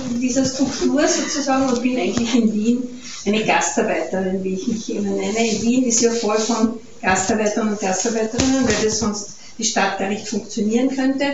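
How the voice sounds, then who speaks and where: A woman's voice: a little high, background noise. A woman from Carinthia with an Austrian German accent gives a public talk at a peace event, hesitant and full of fillers and restarts. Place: event hall. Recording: echoey hall, distant from the mic, muffled.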